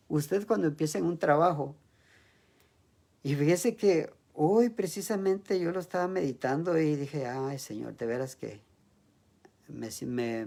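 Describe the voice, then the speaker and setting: A man's voice: a little high, gravelly. A man preaching an evening sermon to his church, asking the listeners questions and acting out heartfelt prayers aloud. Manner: animated, acts out prayers aloud, rising to loud pleading passages.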